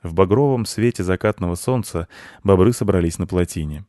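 A man narrating a children's storybook in an even, expressive reading. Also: low-pitched, fairly quick, dry recording, clean studio sound.

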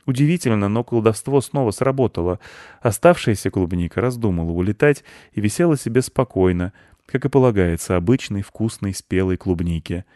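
A man calmly narrating a scripted children's story. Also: fairly low pitch, brisk, no room sound, studio quality. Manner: calm, even storytelling.

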